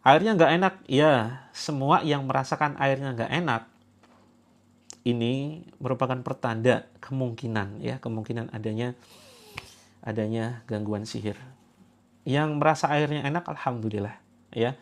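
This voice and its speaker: Man, mid-pitched voice. Healing-session coach: playful and instructive, with sharp bursts of command. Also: moderate pace, long pauses. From Java, Indonesia. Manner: instructive and joking, with sudden loud commands. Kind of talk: leading a live group healing session.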